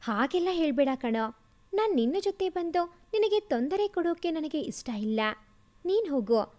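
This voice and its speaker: A woman's voice: very high voice, big pitch swings, moderate pace, darkish tone. A woman reading aloud and voicing a devoted, chatty young woman in a storybook love tale. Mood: heartfelt. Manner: earnest, heartfelt.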